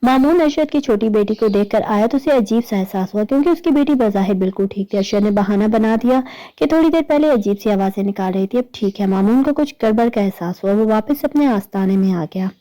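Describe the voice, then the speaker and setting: A woman narrating a romantic novel in a steady, even reading voice. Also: mid-range voice, few pauses, low-quality recording. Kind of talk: storybook narration.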